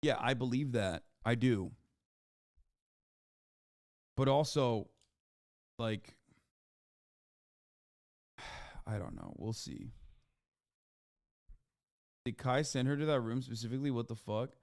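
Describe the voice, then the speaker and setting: A man's voice: mid-range voice, slow pace, long pauses, darkish tone, no echo. Earnest male streamer, dry sound. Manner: earnest, swears casually. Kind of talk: casual live-stream reaction commentary.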